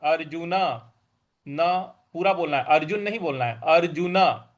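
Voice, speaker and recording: A man teaching Sanskrit verse recitation, saying each word slowly and repeating it before explaining how to pronounce it. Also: a little high. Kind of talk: slow syllable-by-syllable recitation lesson.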